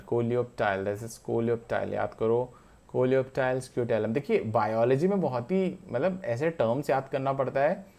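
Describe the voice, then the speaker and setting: Slow, self-talking young Indian man. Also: mid-range voice, darkish tone. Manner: thinking aloud, repeating terms slowly to memorize. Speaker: student studying for a medical entrance exam. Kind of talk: casual study session narration.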